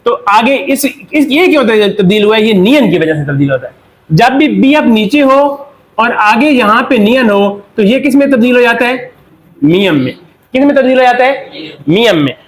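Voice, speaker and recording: A man with a Pakistani Urdu accent teaching a Korean pronunciation lesson. He asks questions, answers them himself, and slows down to spell out the example words. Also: very high voice, lively intonation. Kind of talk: classroom lesson explanation.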